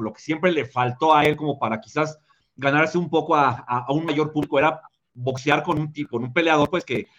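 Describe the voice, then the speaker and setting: Male panelist, mid pitch, measured delivery, dull lo-fi sound. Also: fairly bright tone. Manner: measured, filler-heavy. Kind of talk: casual panel commentary. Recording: dull lo-fi audio.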